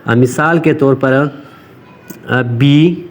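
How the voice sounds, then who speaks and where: Hesitant man teaching English grammar. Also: mid-range voice. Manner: hesitant, many fillers and restarts, slows to dictate English sentences. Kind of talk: informal recorded lesson.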